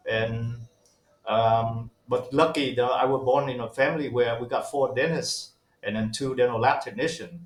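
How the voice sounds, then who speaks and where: A man's voice: mid-range voice, fairly even intonation, normal speed. Male interview guest, 40s, non-native English speaker from Vietnam, hesitant and filler-heavy, recorded in an echoey room. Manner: hesitant, many fillers and restarts. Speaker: guest dentist. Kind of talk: casual interview talk.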